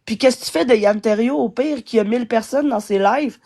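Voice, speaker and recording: A woman's voice: a little high, brisk, dark tone. A woman with a Québécois French accent ranting angrily as a guest on a live stream, swearing often. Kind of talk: angry live-stream rant.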